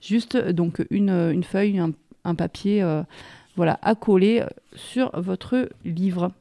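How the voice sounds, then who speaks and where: Gravelly-voiced woman explaining a craft project. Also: on the low side, slow pace, warm tone. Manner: chatty, explains step by step while working. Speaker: craft tutorial presenter. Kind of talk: casual hands-on craft tutorial.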